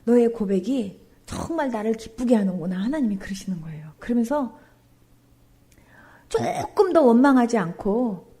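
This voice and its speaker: A woman pastor giving a testimony sermon, speaking in an emotional, pleading voice that swings from loud outbursts to hushed near-whispers. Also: on the high side.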